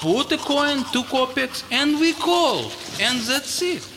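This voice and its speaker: A man playing a grumpy middle-aged immigrant father with a Moldovan accent, talking in blunt, deadpan broken English for a comedy sketch. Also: extremely high pitch, takes it slowly, noisy background, heavily acted. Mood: gruff. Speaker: immigrant neighbor character.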